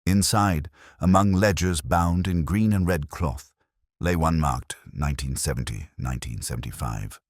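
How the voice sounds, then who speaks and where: In a dry, clean studio recording, a man with a very deep voice narrates a scripted detective story in the first person. His delivery is measured, literary and reflective.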